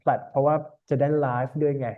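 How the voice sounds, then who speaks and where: A man's voice: fairly high pitch, fast talker, narrow, tinny audio. A man teaching an online speaking class as a tutor, talking casually and mixing English words into his speech. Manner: relaxed, mixes English words into Thai. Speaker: IELTS tutor. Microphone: online call.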